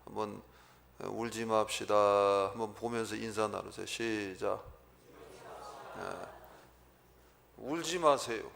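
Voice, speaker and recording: A man preaching from the pulpit in a church, his voice gravelly and rough at the edges. He repeats key phrases and calls on the congregation to say them back, moving between steady exposition and lifted appeals. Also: fairly low pitch, takes it slowly, long pauses. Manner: preaching with repetition and congregation call-and-response. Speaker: pastor. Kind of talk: Sunday sermon. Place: church sanctuary.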